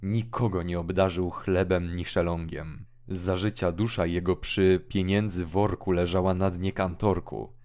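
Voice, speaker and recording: A brooding, feverish young hermit, read by a man in a deep, slow, mournful voice. His lines turn restless and anguished as he speaks. It is an audiobook drama reading. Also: little pitch movement, a little mellow. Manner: mournful, rising into agitated outbursts.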